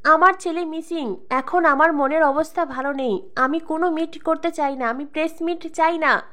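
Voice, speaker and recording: A woman's voice: high voice, normal speed, bright, forceful tone. A woman reading the lines of a desperate mother from a serial, pleading and accusing. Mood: strained. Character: desperate angry mother, middle-aged woman.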